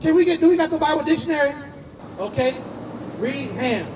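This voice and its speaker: A man's voice: very high-pitched, lively intonation, fairly quick, distant mic, noisy background. A man street preaching, emphatic and slangy, calling on a reader and questioning the crowd outdoors.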